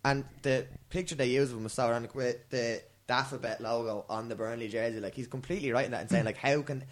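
A man's voice: mid-range voice, steady tone, fast. Irish man chatting colloquially on a podcast. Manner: colloquial, bantering. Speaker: podcast co-host. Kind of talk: casual sports chat.

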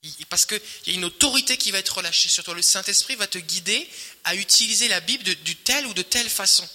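Male pastor, high and very bright voice, emphatic repeating sermon delivery, long hall reverb. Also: quick pace. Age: adult, married. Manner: emphatic, repetitive preaching with swells and quiet drops.

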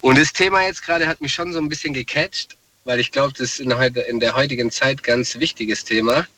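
A man's voice: mid-range voice, brisk, sharp tone. A man from southwest Germany calling in to a radio show over the phone, thoughtful and hesitant. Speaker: caller. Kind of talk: call-in radio chat. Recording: distant phone line with hiss.

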